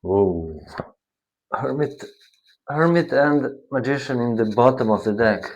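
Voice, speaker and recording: Male tarot reader, mid-pitched, unhurried, rambling spiritual delivery. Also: lively intonation, darkish tone, low-quality recording. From Bosnia. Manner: slow, meandering, searching for words. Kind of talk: spiritual tarot reading monologue.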